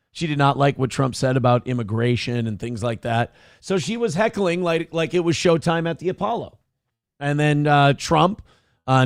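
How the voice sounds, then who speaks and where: A man's voice: a little high, dry recording, clean studio sound. An American man hosting comedic political commentary in a sarcastic, emphatic manner. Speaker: talk show host.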